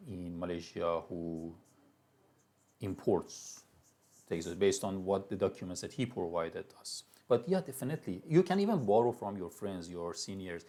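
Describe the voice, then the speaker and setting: A man's voice: low-pitched, a little mellow. Persian-accented man giving a lecture. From Iran. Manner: loose, chatty lecturing with many restarts and fillers. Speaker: university lecturer. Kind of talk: live classroom lecture.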